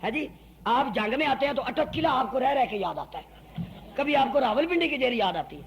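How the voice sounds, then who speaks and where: A man's voice: very high-pitched, lively intonation, vocal fry, slight background noise. A man with a Punjabi accent preaching a Friday sermon in a mosque, mixing folksy jokes with fiery appeals and sung verse. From Pakistan. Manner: fiery oratory that moves into sung verse and shouting.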